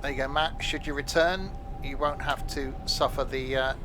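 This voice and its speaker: An English man chats through a live train game stream at an ordinary pitch. He rambles casually and drifts into jokey asides. A steady train rumble from the game sits faintly behind his voice. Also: moderate pace. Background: train game sounds.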